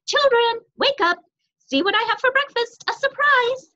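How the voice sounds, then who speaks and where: A woman voicing a warm, brisk mother mouse in a storybook reading, calling out cheerfully. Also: on the high side, big pitch swings, breathy edge, exaggerated voice. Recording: dull lo-fi recording.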